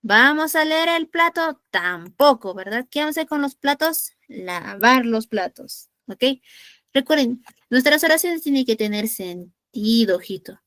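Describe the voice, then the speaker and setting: Patient woman teacher with a higher voice. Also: lively intonation, a little slow, dry recording. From Peru. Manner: patient, repeats "¿ok?" and asks rhetorical questions. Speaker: English teacher. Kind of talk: online class lesson.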